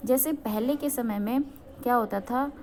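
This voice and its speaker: A woman's voice: on the high side, unhurried, a little mellow. A young adult woman from Uttarakhand teaching a grammar lesson, asking questions and answering them herself, often checking that students follow. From Uttarakhand, India.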